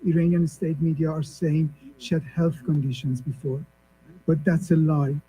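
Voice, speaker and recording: A man voicing a live interpreter's translation, speaking in the first person for another person in a plain, measured way. His voice sits fairly high for a man, yet the tone is extremely dark and mellow, with a faint hum underneath. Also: steady tone, poor audio. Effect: live interpreter voice speaking in the first person for a grieving father. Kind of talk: interpreted news clip.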